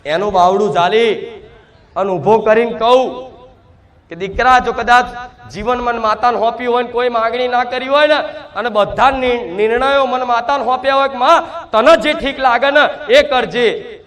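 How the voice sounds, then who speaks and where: A man's voice: extremely high pitch, fairly even intonation, normal speed, a bit bright. A man preaching a sermon to devotees, speaking in first person as the mother goddess and repeating fervent rhetorical questions.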